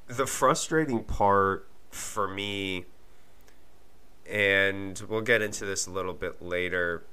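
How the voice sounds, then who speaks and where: A man hosting a solo soccer coaching podcast, hoarse after losing his voice, talking candidly with some restarts. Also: low voice, sharp tone. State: hoarse from a lost voice.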